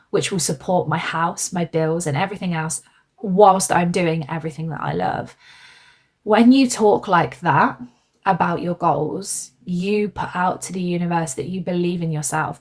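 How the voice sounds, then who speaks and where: A young woman hosting a casual solo podcast, talking earnestly and chattily, with small laughs and firm affirmations. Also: on the low side. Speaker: podcast host.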